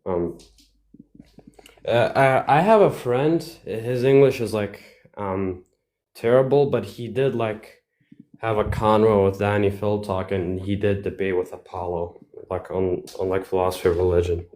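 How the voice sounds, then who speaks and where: A man's voice: lowish voice, a little slow, a little mellow. A young Bosnian man, a non-native speaker, chatting casually as a livestream guest, hesitant and full of fillers and restarts. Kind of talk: casual chat.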